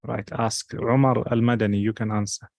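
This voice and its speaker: Patient male teacher, low dry voice. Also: steady tone, normal speed, darkish tone, dry recording. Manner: patient, explains step by step. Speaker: religious teacher. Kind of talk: study circle lesson.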